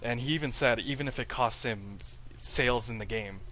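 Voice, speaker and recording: A young man co-hosting a casual gaming podcast in a bright, tense-edged voice. He explains things eagerly and peppers his talk with "like." A faint noise sits under the recording. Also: mid-range voice, brisk. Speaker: podcast co-host. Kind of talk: casual chat about video games.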